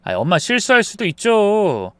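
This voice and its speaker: Guy doing a grown son who keeps brushing his mom off, bit high, lively. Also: moderate pace, smooth, dry recording. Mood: dismissive. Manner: whiny, starts lines with a sighing "ah". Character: dismissive adult son, sides with his wife.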